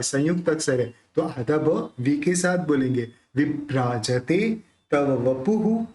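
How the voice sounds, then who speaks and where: A man teaching careful pronunciation of a devotional hymn, chanting verses slowly between quick explanations. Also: on the high side, a little mellow, rough recording. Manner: slow deliberate chanting alternating with quick explanations. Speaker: recitation teacher.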